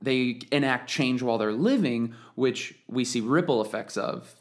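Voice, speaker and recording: A man with a mid-pitched voice co-hosts a relaxed chat show. He thinks out loud in long, looping sentences, with a jokey edge. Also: moderate pace. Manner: thoughtful, rambling, jokey. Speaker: podcast co-host. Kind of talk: casual chat.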